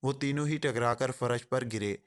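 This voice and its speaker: A man narrating a spy novel as an audiobook, reading steadily. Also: mid-range voice.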